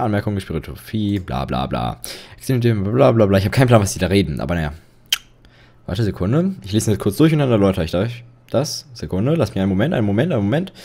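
A man's voice: low-pitched, a little mellow, breathy edge. A young man commentating a horror game, jittery and rambling, joking and yelping when startled. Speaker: let's play commentator.

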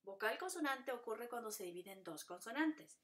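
A woman's voice: fairly high pitch, animated, moderate pace, fairly bright tone. A woman teaching a classroom lesson as a Spanish teacher, patiently repeating patterns and now and then explaining in English.

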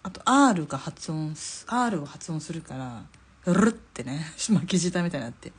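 A woman's voice: low voice, very animated, moderate pace, breathy edge. A middle-aged woman from Japan, a drawing teacher hosting a live stream, chatting casually while she draws, laughing often and reading out viewer comments. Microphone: phone or camera mic on a live stream.

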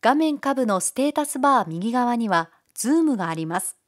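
A woman giving calm, polite, step-by-step narration for a software tutorial. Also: on the high side, a little fast. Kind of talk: scripted screencast narration.

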